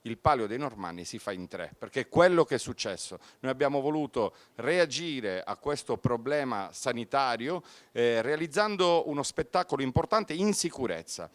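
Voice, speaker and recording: A man's voice: medium pitch, lively intonation, normal speed, hardly any pauses, dry recording. A man from Sicily speaking earnestly and emphatically as a local official in a formal live interview, promoting an event.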